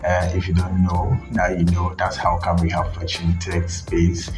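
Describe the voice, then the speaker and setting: A man's voice: low-pitched, normal speed, faint music behind. A young man from Ghana and Nigeria hosting his tech channel, telling his story casually with many fillers and restarts. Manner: relaxed, rambling, frequent fillers and restarts.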